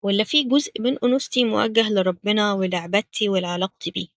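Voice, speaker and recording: A woman with an Egyptian Arabic accent giving gentle, direct spiritual advice to young women as host of a talk series. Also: mid-range voice, fast talker, dry recording. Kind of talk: spoken religious advice series.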